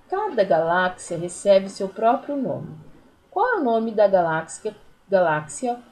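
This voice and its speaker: In this recorded remote class, a woman teacher speaking with a Brazilian Portuguese accent patiently explains a lesson to young children at primary level. She counts out syllables and leans heavily on diminutives, in a mid-range voice with a darkish tone. The audio is poor.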